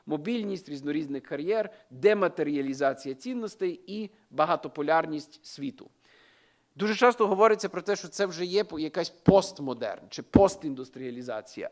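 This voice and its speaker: A man from Ukraine, an economic sociologist giving an expert talk in a lecture style, thinking aloud with frequent fillers and restarts. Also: a little high.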